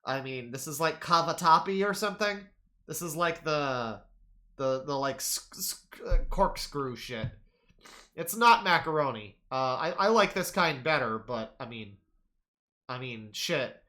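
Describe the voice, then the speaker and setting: A man streaming profane reaction commentary on a cooking video, jumping from loud outbursts to mumbled asides and stammering as he riffs. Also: a little high, animated, measured pace. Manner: stammers and restarts while riffing.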